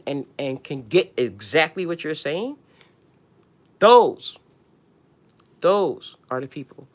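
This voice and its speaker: A woman's voice: deep voice, creaky. A woman hosting a casual astrology livestream, answering viewer questions bluntly with slang and the odd swear word.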